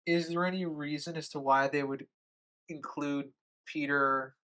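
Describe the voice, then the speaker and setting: A podcast co-host who chats casually, laughs often and rushes into quick bursts of words. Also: medium pitch, steady tone, a bit bright. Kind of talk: casual chat.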